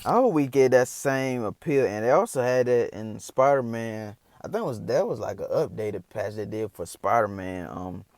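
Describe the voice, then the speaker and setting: A man's voice: medium pitch, lively intonation, moderate pace, hardly any pauses, a little mellow, no echo. A man chatting casually as a reaction host, slangy and rambling.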